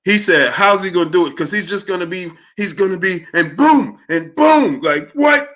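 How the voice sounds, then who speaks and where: A man hosting a sports show, reacting to clips with excitable, laughing commentary and calling out to chat viewers. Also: high voice, normal speed.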